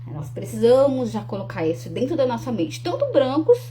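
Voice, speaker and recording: With huge pitch swings and a fairly quick pace, a young adult woman from Rio Grande do Sul, Brazil, talks earnestly to camera to promote her talk. Her slightly high voice is mellow and warm, she often restarts sentences and adds tag questions, and a faint hum runs underneath.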